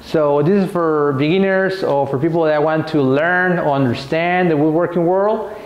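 A woodworking YouTuber with a fairly high-pitched voice gives a casual tool recommendation vlog from his echoey home workshop. He talks haltingly, repeating words and using many fillers, and gestures with his hands as he speaks.

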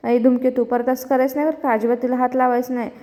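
A woman's voice: high voice, little pitch movement, quick pace, warm tone, natural voice. A woman voicing a teasing young man who bosses others around, in an echoey room. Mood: mocking bossy. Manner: bossy, mocking.

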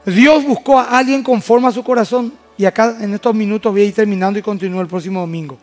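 A pastor with a Paraguayan Spanish accent delivers his sermon in a notably high voice for a man. He preaches emphatically and keeps asking his congregation questions. Soft music sits faintly behind him. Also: fairly even intonation, fast. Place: church service.

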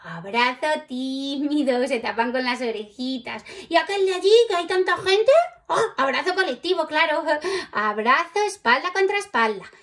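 A woman with a Peninsular Spanish accent reading a picture book aloud to children, animated and talking straight to her young listeners. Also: sits high, normal speed. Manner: animated, talks directly to the children. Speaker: children's storyteller.

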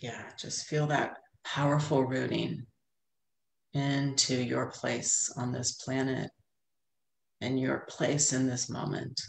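A middle-aged woman calmly guiding a grounding meditation in a soothing, unhurried voice with long pauses, over a video call. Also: rumbling low, vocal fry. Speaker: meditation guide. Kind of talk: calm guided grounding meditation. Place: indoor room with plain wall, on a video call. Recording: roomy, echoey video call audio.

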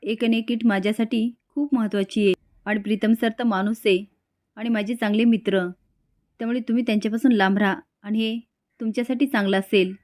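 A woman's voice: fairly high pitch, fairly even intonation, fairly quick, a little mellow, natural voice. A woman voicing a loyal young woman who speaks firmly and defiantly. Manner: firm, defiant.

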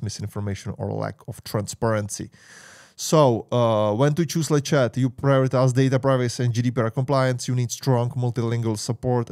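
This man in his thirties speaks at medium pitch with a darkish tone, captured at studio quality with no echo. A native Czech speaker with a Czech accent, he's a tech YouTuber screen-sharing a review, using a studio mic on a boom with his webcam inset. Hesitant and peppered with "uh" and "you know," he reads each tech point aloud before adding an offhand aside.

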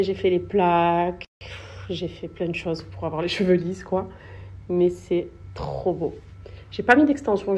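A young woman chatting casually to her followers in an expressive, slangy way, recorded on a handheld phone. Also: highs cut off. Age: young adult. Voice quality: rough, croaky morning voice. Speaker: influencer vlogging her trip. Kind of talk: casual vlog chat to followers. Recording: noisy phone recording with ambient rumble.

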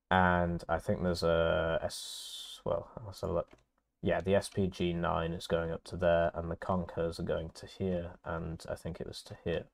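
Male game caster, deep voice with fry, stuffy nasal tone, relaxed wry walkthrough. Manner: talks through options, casual and wry. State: congested from illness. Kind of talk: strategy game commentary. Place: at home.

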